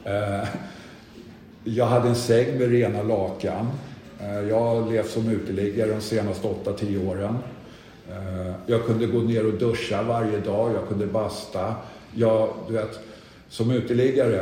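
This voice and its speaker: A man's voice: lowish voice, fairly even intonation, dark tone, a little hiss or hum. Candid middle-aged man, echoey hall. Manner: candid, self-deprecating storytelling. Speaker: speaker sharing his recovery story. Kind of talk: personal testimony talk.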